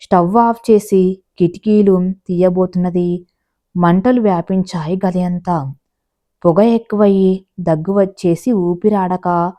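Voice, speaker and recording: A woman narrating a family drama story in a plain, steady storytelling manner. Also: lowish voice.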